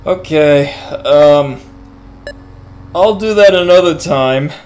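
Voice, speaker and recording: A man's voice: on the high side, slow, darkish tone. A man giving horror game commentary who swears and talks to the monsters. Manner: jumpy, swears and yelps at scares. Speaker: gaming YouTuber.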